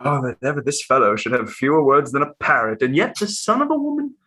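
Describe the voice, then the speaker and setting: A man's voice: mid-range voice, sing-song, fast talker, bright, forceful tone. Man playing swooping, mocking young prince. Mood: playful musing. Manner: theatrical, teasing declamation. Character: mocking, witty young prince, playful and boastful. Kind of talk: reading of Shakespeare play.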